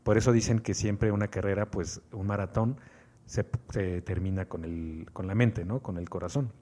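With a mellow, lowish voice, fairly even intonation and a moderate pace, a Mexican-accented man co-hosts a podcast. In this casual chat he speaks at length in an enthusiastic, motivational manner.

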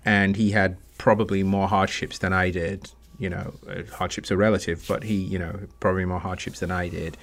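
A man with a Nigerian accent speaks in a fairly low voice. He tells his story in a casual interview, slipping into the voices of the people he quotes. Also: a little fast, few pauses. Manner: animated storyteller, acts out quoted dialogue. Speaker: actor and guest.

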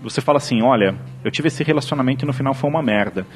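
A man's voice: medium pitch, rapid-fire, soft background music. A man with a Brazilian Portuguese accent co-hosting a casual podcast chat over drinks, joking and rambling into mock-philosophical questions. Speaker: podcast co-host.

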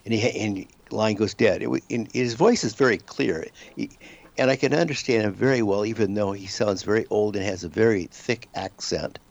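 Man, from the United States, fairly low, gravelly, rambling with restarts, muffled lo-fi sound. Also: moderate pace. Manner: rambling, with frequent restarts and repeated words. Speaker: guest author. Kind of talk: telling a personal story in a radio interview. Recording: dull lo-fi sound.

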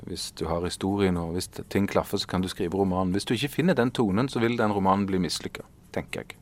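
A man in his forties, an artist talking in an interview, thoughtful and searching for words with many fillers and restarts. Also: on the low side. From Norway. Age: 40s. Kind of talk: casual interview conversation.

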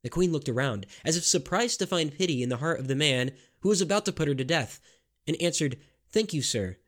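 A man narrating a scripted history story in a measured, grave storytelling manner. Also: a little high, animated.

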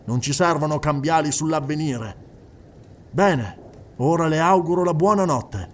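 A man voicing a big, practical male chairman who talks in a hearty, brisk way. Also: a little high, lively intonation, a little hiss or hum. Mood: dry.

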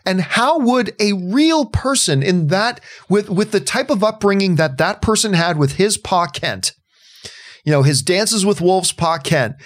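High-voiced, animated man gushing about film. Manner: passionate, effusive, emphatic with occasional swearing. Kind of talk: casual podcast discussion.

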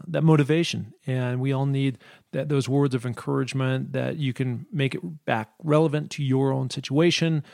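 Male podcast host, middle-aged, enthusiastic, mid-pitched, dry home-studio sound. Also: creaky, darkish tone, no room sound. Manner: upbeat, enthusiastic, frequent restarts. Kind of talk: casual podcast talk.

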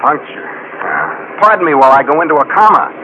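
A quick, dry-witted detective's sidekick. His voice sits fairly high and moves in lively jumps. It comes through a muffled old radio recording with clear hiss. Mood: wry. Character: wisecracking male detective's assistant. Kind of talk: 1940s radio drama acting.

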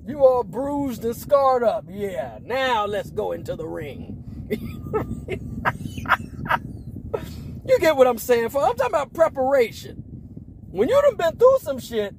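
High-voiced, lively man in his forties. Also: takes it slowly, long pauses, a little hiss or hum, rough recording. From Las Vegas, Nevada, US. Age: 40s. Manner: laughs often, slangy and emphatic, bursts into shouts. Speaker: preacher and podcast host. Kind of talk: casual preaching talk.

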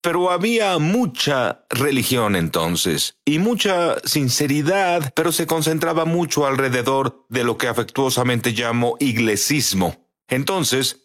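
A man's voice: medium pitch, expressive, unhurried, fairly bright tone. A middle-aged man telling his story in earnest as a guest on an interview show. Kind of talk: dubbed testimony interview.

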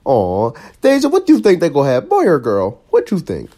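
Low-voiced, lively woman co-host. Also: fairly quick. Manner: chatty, teasing, repeats herself. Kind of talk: casual celebrity news chat.

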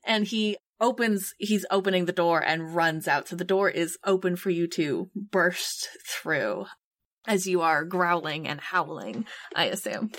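A woman's voice: on the low side, measured pace, a bit bright. A woman running a tabletop role-playing game as game master, playful and laughing often, swearing casually. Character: Marco, a conflicted monster hunter.

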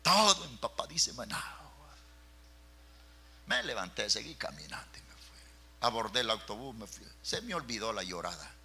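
A man preaches with fervor, his voice leaping and falling through a wide, lively range. His tone is bright and piercing, and a faint hum sits behind him. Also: mid-range voice, normal speed, long pauses. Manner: fervent, dramatic, keeps addressing listeners as brother. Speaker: pastor. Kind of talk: storytelling sermon.

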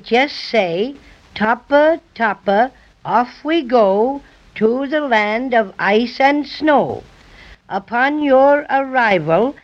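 An actor voicing a small, good-natured talking toy bear in a children's radio serial, with curious, folksy exclamations. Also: medium pitch. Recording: muffled old 1930s radio recording.

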